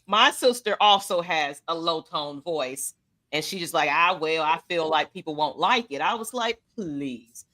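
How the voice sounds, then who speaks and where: Loose and chatty, this podcast co-host laughs often during a casual fan chat. She has a low-toned voice that's expressive with a sharp tone, and she speaks a little slow.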